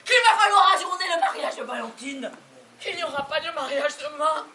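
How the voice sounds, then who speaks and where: A woman on a theatre stage playing a bossy, exasperated mother of the bride who shouts and interrogates. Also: high-pitched, expressive, fairly quick. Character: bossy, frantic middle-aged mother of the bride. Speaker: stage actor. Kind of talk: live stage comedy acting. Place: farm theatre stage, live audience. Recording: echoey room, far off, faint hiss.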